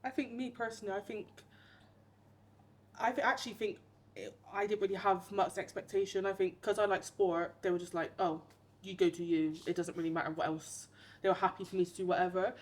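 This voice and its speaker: A woman's voice: medium pitch, fairly even intonation, fairly quick. A young English woman rugby player in a casual chat, speaking hesitantly. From England. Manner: hesitant, many fillers.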